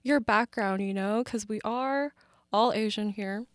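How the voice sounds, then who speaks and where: Upbeat young woman host, smooth clear voice, dry close studio mic. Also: medium pitch, unhurried, no echo. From Canada. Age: young adult. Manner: upbeat, lots of filler words. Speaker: podcast host. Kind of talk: casual campus radio chat.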